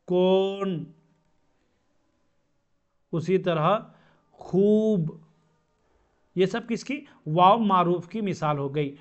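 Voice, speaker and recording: A man teaching a grammar lesson, who asks questions and answers them himself and repeats each term. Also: sits high. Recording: dull lo-fi sound.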